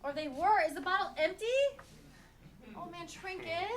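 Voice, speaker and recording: A woman's voice: extremely high pitch, normal speed. A woman playing an exasperated, moralizing bearded lady of the carnival in a theatrical live improv comedy scene. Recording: noisy live stage recording.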